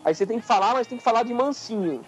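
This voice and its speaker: Homem com sotaque brasileiro, fala acelerada, tom inflamado e boca suja; bate-papo de podcast. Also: male voice, extremely high pitch, animated, rapid-fire, faint music behind. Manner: heated storytelling, swears freely. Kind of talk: casual chat.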